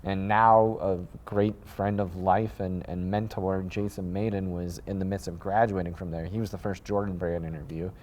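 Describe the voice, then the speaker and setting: A man in his thirties from the American Midwest, a sneaker designer telling his story in a casual interview, rambling and animated, with lots of fillers and restarts. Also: sits low, moderate pace, few pauses, a little hiss or hum. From Midwest United States.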